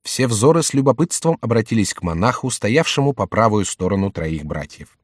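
A man giving a scripted, measured narration of a historical novel. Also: lowish voice, dry recording, studio quality. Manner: measured, even storytelling. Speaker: audiobook narrator.

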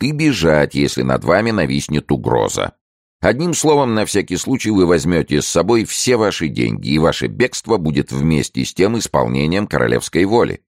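A man's voice: very deep voice, dry recording, studio quality, pitched above the performer's own voice, full character voice. A man voicing an eager, loyal male adviser in an audiobook, urging and persuading with rousing pleas. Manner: urgent, rousing pleading. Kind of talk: audiobook character reading.

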